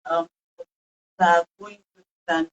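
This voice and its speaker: Woman host giving calm affirmations. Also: on the low side, a little slow, muffled recording. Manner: warm and affirming, many murmured "mm"s. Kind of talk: casual interview.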